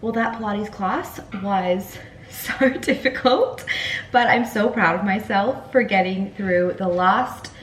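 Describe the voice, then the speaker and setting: A woman's voice: medium pitch, slow, roomy sound, slight background noise, rough recording. Chatty woman with a Scottish-Australian accent. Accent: soft Edinburgh Scottish blended with Australian. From Scotland, raised partly in Australia. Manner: chatty, rambling, frequent "like" and "you guys". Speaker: vlogger. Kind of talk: casual vlog chat to camera.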